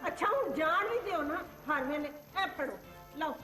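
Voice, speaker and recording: An actress playing a patient wife and mother calming her grumpy husband in an old TV drama. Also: high voice, moderate pace, reverberant, soft background music. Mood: placating. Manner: soothing, placating. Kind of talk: 1980s TV drama acting.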